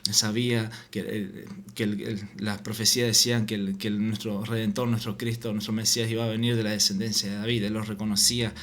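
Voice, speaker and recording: A man giving an informal Bible teaching, reading scripture aloud and often halting and repeating words. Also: fairly low pitch, little pitch movement, fairly bright tone. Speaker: preacher.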